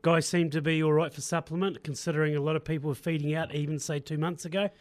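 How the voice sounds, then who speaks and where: A man's voice: on the high side, level tone, fast. A New Zealand man hosting a casual farming radio interview in a studio, speaking in informal, laid-back colloquial phrases.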